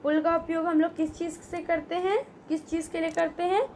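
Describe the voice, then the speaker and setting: A woman's voice: extremely high pitch, fairly even intonation, moderate pace, darkish tone, slight background noise. A woman teacher giving a children's reading lesson, asking simple questions and spelling words out patiently syllable by syllable.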